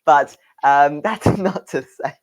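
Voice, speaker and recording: A man's voice: a little high, slow. A man with a British accent co-hosting a film podcast, laid-back and a little dismissive, laughing at himself. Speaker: podcast co-host. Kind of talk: casual film news chat.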